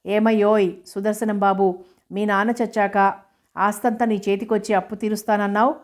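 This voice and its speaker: A woman voicing a crude, pushy middle-aged female moneylender who talks roughly and scolds loudly. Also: mid-range voice, flat delivery, moderate pace, natural voice. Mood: scolding.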